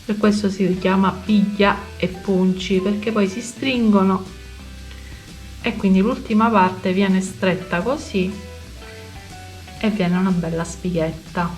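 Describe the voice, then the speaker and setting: Female cooking presenter, unhurried step-by-step instruction, roomy sound with music underneath. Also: medium pitch, fairly even intonation, a little mellow. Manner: instructional, repeats and narrates each hand movement. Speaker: home cooking show host.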